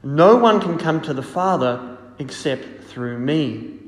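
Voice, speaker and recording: A priest reading the gospel and preaching a homily in a slow, measured, solemn way, heard with a cathedral-like echo. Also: male voice, fairly high pitch, lively intonation. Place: large church. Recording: long reverberant church echo.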